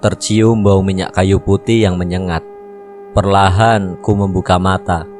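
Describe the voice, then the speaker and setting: Deep-voiced male horror storyteller. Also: measured pace, a little hiss or hum. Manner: steady storytelling. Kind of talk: scripted first-person narration.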